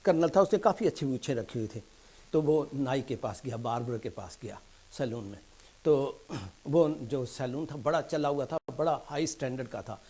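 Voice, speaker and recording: A stand-up comedian telling jokes as short stories, mixing in English punchlines and dropping his voice low and soft for quoted replies. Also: expressive. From England. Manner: storytelling in Urdu mixed with English punchlines; soft, low asides when quoting characters.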